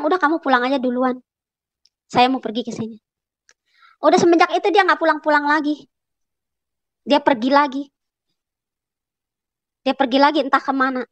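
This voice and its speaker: High-voiced woman giving an earnest testimony. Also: fairly bright tone, dry recording. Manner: earnest, emotional storytelling with many fillers. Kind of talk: personal testimony to a congregation.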